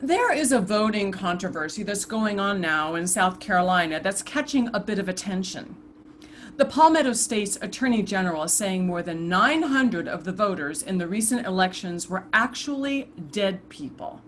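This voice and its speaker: An actress plays the restless ghost of a murdered woman civil rights volunteer in a theatrical monologue over a video call. She speaks haltingly, with sighs and broken restarts. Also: medium pitch, expressive, a little hiss or hum, natural voice. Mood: wry, bitter. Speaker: stage actor performing a monologue. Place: indoors at home, performing over a video call. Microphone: video call computer mic.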